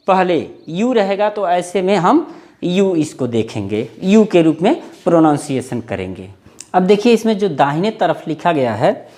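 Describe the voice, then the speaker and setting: An English teacher, a man in his forties, works through words at an unhurried pace. He spells each one out letter by letter and says it several times, his pitch rising and falling widely. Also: darkish tone. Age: 40s. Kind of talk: slow spelling-out lesson.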